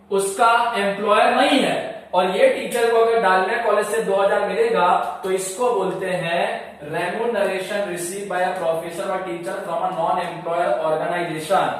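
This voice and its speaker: A man with a fairly high voice lectures like a teacher, firing off questions and answering them himself and repeating each point. He is heard from a distance, with the sound bouncing around a very echoey room. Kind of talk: classroom lecture. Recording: echoey room, mic far off.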